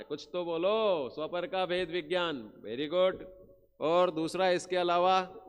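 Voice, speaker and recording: A man giving a Jain religious discourse, stretching out chanted verses slowly and breaking into quick asides to his listeners. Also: fairly high pitch, smooth. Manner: slow, drawn-out chanting of verses, then quick asides to the audience. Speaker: Jain pravachan speaker. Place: large hall at a Jain pilgrimage site. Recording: long hall reverb.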